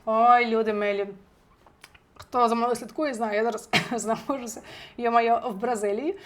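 A woman teaching an online language lesson from home, chatty and lively, talking straight to her viewers, a little under the weather. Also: on the high side, moderate pace, a little hiss or hum. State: recovering from illness, clears throat. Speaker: Italian teacher. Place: home, indoors.

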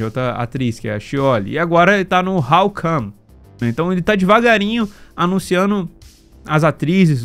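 A Brazilian man giving casual, slangy gaming news commentary, often checking in with short tag questions. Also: medium pitch. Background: background music.

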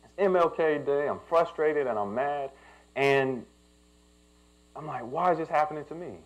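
A man's voice: fairly high pitch, normal speed, poor audio. A young man, a pastor telling a personal story in a sermon and building to emphatic preaching.

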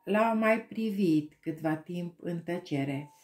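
A woman narrating an audiobook with slow, expressive storytelling. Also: on the low side, reverberant, slight background noise. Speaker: audiobook reader.

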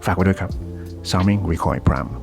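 A man's voice: sits low, takes it slowly, gravelly. A man presenting a sponsor spot in a casual ad-read style. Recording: background music under voice.

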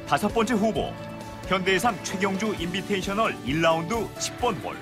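A man delivering scripted highlight commentary as a golf commentator, in an announcer's style. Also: lively intonation, fairly quick. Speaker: golf commentator, video narrator. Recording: music bed under voice. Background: loud background music.

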